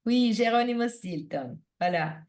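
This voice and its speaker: Hesitant slow woman student. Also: a little high, lively intonation, darkish tone. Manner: hesitant, many filler pauses.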